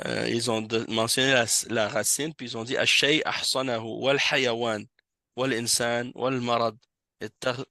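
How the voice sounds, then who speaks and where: Guy teaching arabic in a mosque class, gravelly voice, dry sound, patient, keeps repeating stuff. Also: mid-range voice, pushed and bright, no echo. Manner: patient, repeats and corrects students, mixes French and Arabic. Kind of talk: classroom lesson explaining Arabic in French.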